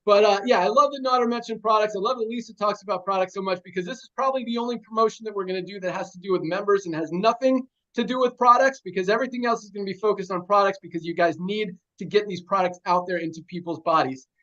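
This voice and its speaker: A man with a high voice fires off rallying cries like a motivational rally leader. He hosts a company call, and the audio sounds dull and lo-fi. His delivery is pumped and chant-like. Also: fast, hardly any pauses, fairly bright tone. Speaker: host of a company sales call.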